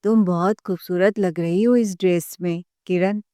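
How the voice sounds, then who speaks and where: A woman voicing a calm young husband in a told story. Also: on the low side, a little slow, no echo, clean studio sound, lightly acted. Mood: gentle.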